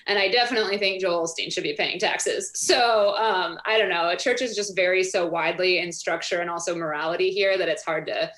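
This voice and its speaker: A woman of about thirty speaks from her home over a video call as a guest author. She talks thoughtfully and fills her pauses with um and like. Her pitch sits a little low. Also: a bit bright. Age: 30s. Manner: thoughtful, many fillers like um and like. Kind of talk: remote interview answers.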